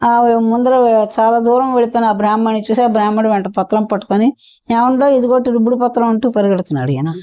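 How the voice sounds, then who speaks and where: A woman's voice: fairly high pitch, fast talker, warm tone, no echo. A woman storyteller telling a folk tale for children in a homely, repetitive, chatty way. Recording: dull muffled recording.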